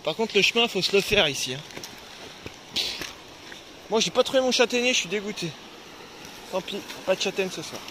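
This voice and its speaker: A man's voice: sits high, lively intonation, moderate pace, pauses often, background noise. A young man casually vlogging outdoors by a river, chatting to viewers and to his dogs, cursing now and then. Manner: chatty, talks to his dogs, swears when annoyed. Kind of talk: casual travel vlog to camera.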